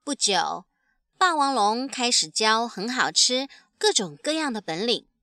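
A woman storyteller reading a picture book aloud in an animated way, acting out the sound effects. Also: fairly high pitch, measured pace, no room sound, studio quality.

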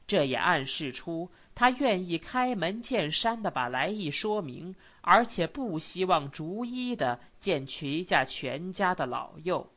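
A woman reads a novel aloud in steady, measured narration. Her voice is low for a woman and her pace unhurried. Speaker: audiobook narrator. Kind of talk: scripted narration.

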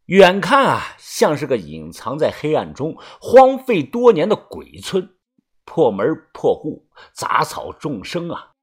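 A man narrating a serialized novel as an animated storyteller who stretches his filler particles. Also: a little high, breathy edge. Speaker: audiobook narrator.

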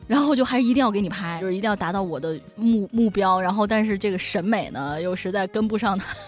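A woman's voice: mid-range voice, quick pace, faint music behind. A woman co-hosting a podcast, telling comic stories about her husband. She sounds exasperated and mock-complaining, and she laughs often. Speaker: podcast co-host. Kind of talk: casual chat, comic storytelling.

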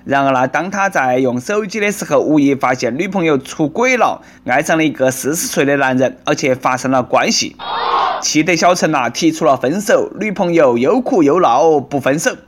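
A man with a Nanchong Sichuanese accent riffs on the news in a sarcastic, teasing tone. His voice sits a little higher than most men's. He talks to his listeners as if chatting with friends. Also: lively intonation, normal speed, a faint crowd, slight background noise. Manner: sarcastic, bantering. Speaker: comedic news commentator. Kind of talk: comic news commentary.

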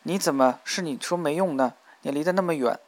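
A man voicing a gentle, anxious young woman in an audiobook, speaking softly and pleadingly. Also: on the high side, a little fast, dry recording, lightly acted.

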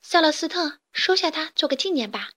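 Woman doing a high, curious little chick boy for a storybook, wide-eyed. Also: expressive, fairly quick, a bit bright. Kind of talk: storybook character voice.

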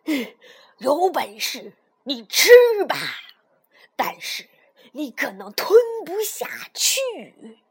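A woman voicing a wise, crafty old male grandpa toad who speaks slowly and low. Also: animated, a bit bright, husky, heavily acted. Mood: calm.

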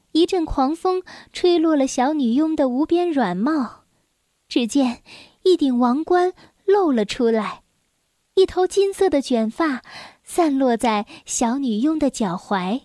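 Brief: woman narrating children's bedtime stories, high and gentle, dry close-mic sound. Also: no echo. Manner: gentle, unhurried storyteller voice. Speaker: children's story reader.

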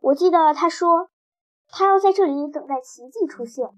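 High-pitched female narrator for an expressive children's audiobook. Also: normal speed. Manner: expressive first-person storytelling. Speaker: storyteller.

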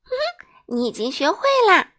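A woman's voice: high voice, very animated, normal speed, pitched above the performer's own voice, full character voice. Woman doing giggly Miss Sunshine. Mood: cheery. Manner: bright, giggling, bossy-cheerful.

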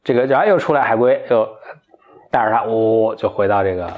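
A man casually retelling a folktale in a relaxed, chatty way, with many fillers and restarts. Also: fairly low pitch, brisk, narrow, tinny audio. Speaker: storyteller.

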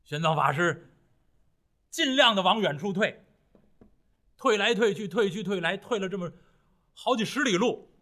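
A man telling a traditional Chinese story in a dramatic, rhythmic, expressive way. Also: high voice, moderate pace, pauses often.

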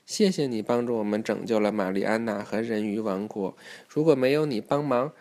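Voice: medium pitch, brisk, a little mellow. A parent reading a children's story aloud to a child, in an instructive way with questions to the listener.

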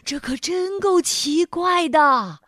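A woman's voice: extremely high pitch, expressive, slow, a bit bright, no room sound, studio quality, voice pushed up, exaggerated voice. Woman doing a stammering timid king. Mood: nervous. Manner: stammering, nervous. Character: fat, timid old king who stammers.

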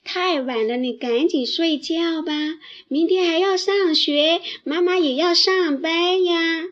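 A woman's voice: very high-pitched, slow, highs cut off, pitched above the performer's own voice. Brief: firm, tired mother, played by a female storyteller, raised voice, bedtime story. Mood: stern, coaxing. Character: tired mother, stern then soothing.

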